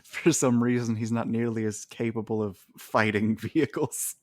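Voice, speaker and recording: Male podcast co-host, easygoing and chatty, medium pitch, dry recording. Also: fairly even intonation, normal speed, a little mellow, dry recording. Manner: chatty, laughs between points while arguing. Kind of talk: casual chat.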